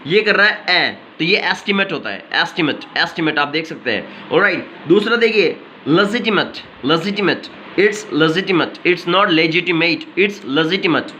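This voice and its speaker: A man's voice: sits high, expressive, unhurried, few pauses, pushed and bright, slight background noise. A man teaching English pronunciation with an Indian English accent, explaining step by step and repeating each word, switching between Hindi and English. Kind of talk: pronunciation lesson.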